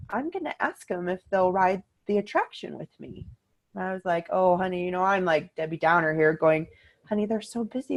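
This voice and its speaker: A middle-aged woman co-hosting a podcast, telling a story in casual chat and acting out the quoted lines in a higher voice. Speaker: podcast co-host.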